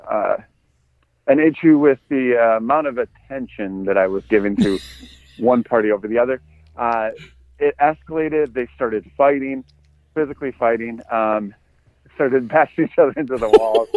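A man's voice: medium pitch, dry recording, phone-quality sound. A laid-back man from the United States, casually telling a story on a podcast and chuckling as he goes. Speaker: podcast co-host.

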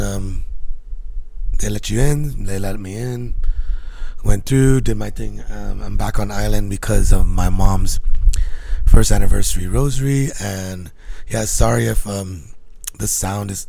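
Male solo podcaster, laid-back slangy rambler, lowish fry-heavy voice, dry outdoor sound. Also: darkish tone, no echo. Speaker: podcast host. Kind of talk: casual solo podcast chat.

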